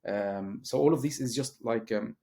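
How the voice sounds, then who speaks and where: A man's voice: medium pitch, moderate pace, gravelly, dark tone. A man from Syria, a professor, answering interview questions hesitantly with many fillers and restarts. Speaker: guest, professor.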